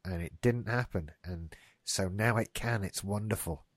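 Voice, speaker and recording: A man hosts a relaxed gaming news podcast, wandering from point to point with some mild swearing while his nose gets stuffy. His voice is on the low side at normal speed, captured in a dry, clean studio recording.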